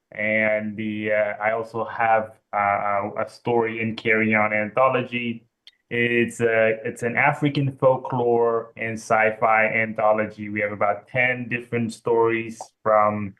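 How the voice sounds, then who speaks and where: A man's voice: mid-range voice, phone-quality sound. A young man from Ethiopia, talking as a guest on a video call, hesitant with many fillers. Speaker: guest, anthology editor. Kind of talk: casual video call interview.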